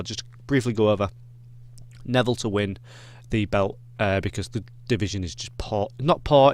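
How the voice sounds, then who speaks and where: A man with a Yorkshire accent giving casual wrestling predictions, rambling with lots of ums and self-corrections. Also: on the low side. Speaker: wrestling reviewer.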